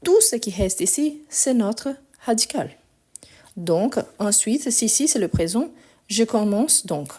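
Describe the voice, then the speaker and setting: A French teacher gives a live online grammar lesson in a fairly high, mellow voice with a breathy edge and big pitch swings, speaking unhurriedly. She patiently explains step by step and spells out endings letter by letter, though her voice is a bit weak on the phone recording.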